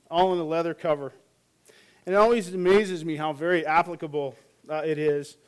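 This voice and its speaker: Jokes and stories, with plenty of fillers, run through a sermon given by a middle-aged man serving as a hospice chaplain. His clean-toned voice is on the high side.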